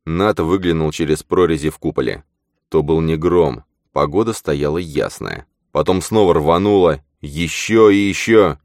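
A man narrating an adventure audiobook in a steady, measured storytelling manner. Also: extremely low pitch, dry recording, studio quality. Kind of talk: scripted narration.

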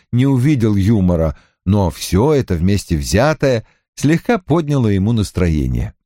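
A man reading a novel as scripted audiobook narration in a lively, expressive way. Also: on the low side, no echo, clean studio sound.

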